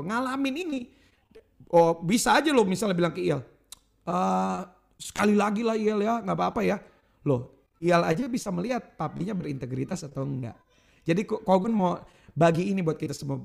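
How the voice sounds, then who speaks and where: High, gravelly-voiced male youth preacher. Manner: lively preaching with call-and-response and casual storytelling; refers to himself in the third person. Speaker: youth pastor. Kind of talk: sermon. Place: church youth service.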